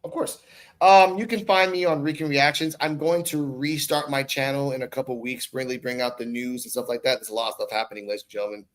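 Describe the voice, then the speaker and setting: A man's fast, steady, mid-range voice with a bit of brightness carries his casual guest spot on a conversational podcast. Hailing from the Bronx, New York, he creates online content and podcasts himself, and his talk is rambling and slangy, sprinkled with swears.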